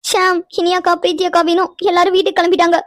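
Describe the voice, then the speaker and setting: A woman's voice: extremely high pitch, completely flat delivery, racing, fairly bright tone. A woman voicing a sulky young woman in a cartoon who protests and stammers when cornered. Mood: flustered. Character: young woman Aishwarya, sulky and easily upset. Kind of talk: cartoon voice acting.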